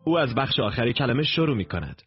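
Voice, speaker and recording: A man narrating a recorded language course in slow, deliberate, instructive steps. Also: mid-range voice, very animated. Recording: dull lo-fi tape recording.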